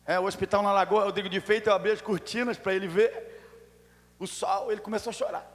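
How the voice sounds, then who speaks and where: A man preaching a sermon as a pastor with a Brazilian Portuguese accent, telling a story dramatically, dropping to a hush and rising to shouts. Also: sits high, steady tone, fast, in a large hall.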